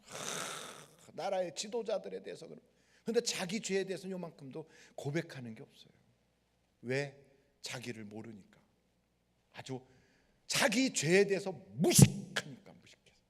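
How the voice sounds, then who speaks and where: A male pastor preaching a sermon and telling stories vividly, acting out the people in them, in a large worship hall. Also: on the high side. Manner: animated storytelling, acting out the people in his story. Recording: long hall reverb.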